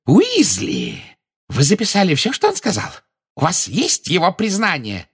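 A man's voice: wildly swooping pitch, extremely slow, vocal fry, full character voice. A man voicing a blustering, pompous minister who barks out his words and gloats. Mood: gloating. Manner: shrill, barking exclamations. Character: blustering middle-aged male minister, gleeful and pompous.

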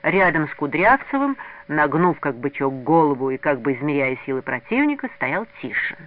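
A man reading a story aloud in an expressive way. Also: a little high, normal speed. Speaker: narrator. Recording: narrow lo-fi radio recording.

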